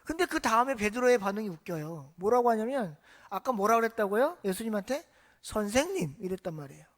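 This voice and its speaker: Animated woman pastor preaching a sermon. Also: medium pitch, quick pace. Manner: animated storytelling that asks the congregation questions.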